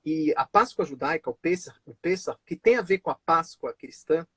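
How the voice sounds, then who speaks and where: His pitch is fairly high and expressive, his pace moderate, and his tone fairly bright and slightly rough, without echo. This Israeli-born man, raised in Brazil, hosts a casual video-call live stream. He chats freely, laughs often, and uses many fillers and restarts.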